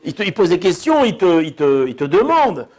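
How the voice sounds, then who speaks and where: A man's voice: high-pitched, big pitch swings, brisk, a little mellow. A man giving an informal religious lesson as a rabbi, who speaks in a chatty way and keeps asking his listeners questions. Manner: chatty, asks listeners questions, lots of restarts. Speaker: rabbi teaching a class.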